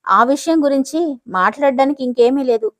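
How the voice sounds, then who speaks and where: A cold, dangerous young businessman, as a woman narrator puts him on, who keeps his words calm, clipped and dismissive. The voice sits somewhat high and sounds close and dry. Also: a little fast, dry recording, close to an everyday voice. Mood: cold, controlled.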